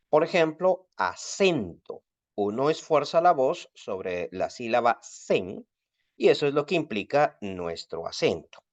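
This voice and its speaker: Man teaching with lively pitch. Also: no echo. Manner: clear explanatory teaching, stresses key words. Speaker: Biblical Greek teacher. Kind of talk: recorded lesson. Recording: dry, slightly dull recording.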